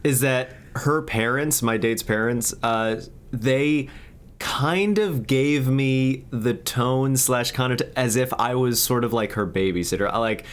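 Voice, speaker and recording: Podcast guest, male, casual rambling storyteller, mid pitch. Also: measured pace, a little hiss or hum. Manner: rambling, with many filler "like"s.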